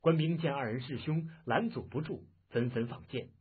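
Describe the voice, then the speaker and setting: A man reading a martial-arts novel aloud as a dramatic, animated audiobook narrator. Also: medium pitch, normal speed, slightly rough. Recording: muffled, phone-like lo-fi audio.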